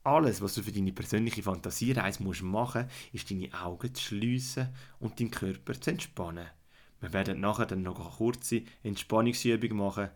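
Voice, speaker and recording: Low-voiced Swiss German sleep story narrator, man. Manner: soothing, slow instructions with repetition, at times dropping to a hush. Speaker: guided relaxation narrator. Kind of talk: sleep story narration, guided fantasy journey and relaxation.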